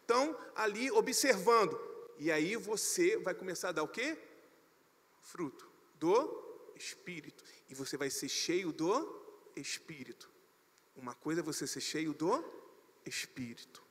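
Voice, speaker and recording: A Brazilian man preaching a sermon as pastor at a church service, animated with sudden loud emphasis. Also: high-pitched, measured pace. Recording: long church reverb.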